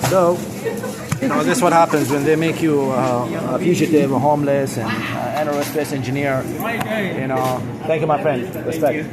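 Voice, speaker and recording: A man's voice: medium pitch, fairly even intonation, moderate pace, a loud crowd. A middle-aged man, speaking natively, talking in a rambling, insistent way with many fillers while recording himself on a rainy city street. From Syria. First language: Arabic. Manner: insistent, repetitive, full of fillers. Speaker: vlogger. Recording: noisy street with traffic. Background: traffic noise.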